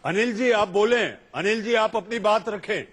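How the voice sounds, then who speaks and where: A man's voice: sits high, normal speed, fairly bright tone. A middle-aged man interviewing a guest on a news broadcast, asking pointed, probing questions in a formal, respectful way, his voice carrying a heavy echo.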